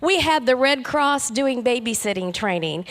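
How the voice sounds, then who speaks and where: A woman's voice: on the high side, animated, normal speed, fairly bright tone. A woman preacher giving a conference talk, earnest, with rhythmic lists.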